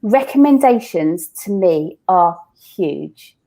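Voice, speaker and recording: A woman's voice: lowish voice, expressive, slow pace, mellow. A woman being interviewed on a podcast, chatting casually and explaining with everyday examples, often restarting her sentences. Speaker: recruitment founder, interview guest.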